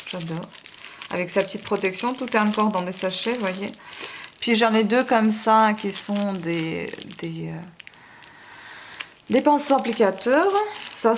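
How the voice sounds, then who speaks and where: A woman talks casually as she unboxes makeup brushes, hesitating often and filling pauses with little sounds. Her voice sits at an ordinary middle pitch. Steady noise and crinkling packaging stay in the background of the homemade recording. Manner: chatty, hesitant, many fillers. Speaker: beauty vlogger. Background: wind noise and plastic crinkling.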